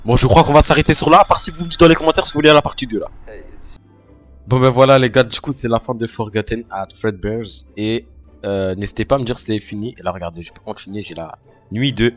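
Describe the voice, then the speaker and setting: A man's voice: medium pitch, fast talker, soft background music. A man commentating his horror game playthrough, often panicking and talking straight to his viewers. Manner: panicky, excitable, talks to viewers. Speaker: gamer.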